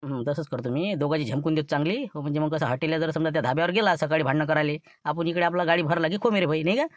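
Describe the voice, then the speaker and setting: A man's voice: on the high side, rapid-fire, no echo, studio quality, close to an everyday voice. A man with a Varhadi Marathi accent playing a boastful schemer in a comic sketch, rambling about his plans. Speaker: scheming villager in a comedy skit.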